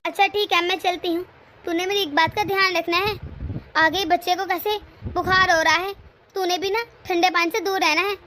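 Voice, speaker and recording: A woman's voice: very high-pitched, steady tone, normal speed, pushed and bright, slight background noise. A woman voicing a stern, bossy older mother-in-law in a cartoon family drama, lecturing and giving orders. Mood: instructing. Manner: lecturing, commanding.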